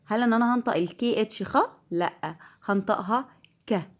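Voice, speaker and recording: Egyptian-accented female English teacher, patient and repetitive, mid-pitched voice. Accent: Egyptian Arabic. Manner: patient, repeats words slowly to drill them. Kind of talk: classroom-style lesson.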